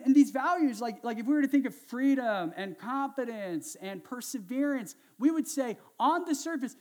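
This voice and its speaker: A pastor giving a casual, conversational sermon, asking the congregation questions and adding sarcastic, self-mocking asides. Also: medium pitch.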